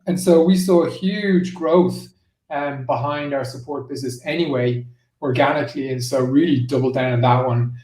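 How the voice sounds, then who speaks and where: A marketing executive answers questions as a business interview guest in a medium-pitched, slightly mellow voice at a moderate pace. He keeps it conversational, saying "like" and "you know" a lot. The mic sits at a distance, picking up roomy echo.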